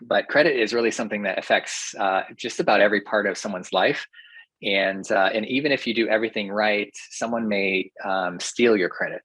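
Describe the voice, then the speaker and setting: A man, a professor, explaining ideas to a podcast host in a thoughtful, measured way with occasional fillers. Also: fairly low pitch, fairly bright tone, breathy edge, no echo, low-quality recording. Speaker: professor guest. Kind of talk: explanatory interview talk.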